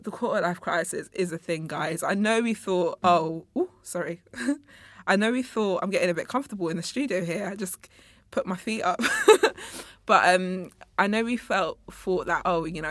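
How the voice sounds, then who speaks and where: Recorded in a studio with no room sound, this Congo-born, England-raised young woman talks to her audience in a loose, wandering solo podcast. She has a lowish, slightly bright voice.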